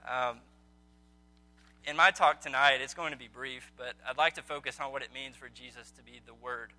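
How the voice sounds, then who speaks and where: Poor audio and soft background music accompany a medium-pitched man with fairly even intonation, normal speed, and a bright, forceful tone. He casually teaches a small group at an evening Bible study in a meeting room, asking questions amid frequent ums.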